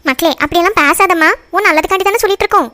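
A woman voices a comforting cartoon grandmother whose voice sits very high and rushes quickly. She steadies the family with reassurance, not scolding. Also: pushed and bright. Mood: reassuring.

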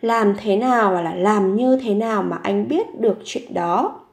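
A woman's voice: mid-range voice, unhurried, darkish tone. A woman teaching vocabulary, patiently repeating words and asking herself questions as she explains example sentences. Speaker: Korean language teacher. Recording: roomy echo.

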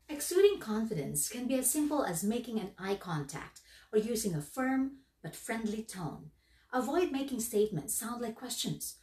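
Lively woman teaching in an echoey room. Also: fairly high pitch, far from the mic. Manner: lively, emphatic, instructive. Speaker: workplace skills instructor. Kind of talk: instructional narration.

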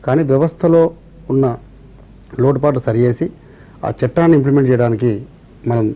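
A man's voice: medium pitch, brisk, mellow. A man with a Telugu accent, a revenue officials' representative on a TV debate, explaining measuredly and citing laws and history.

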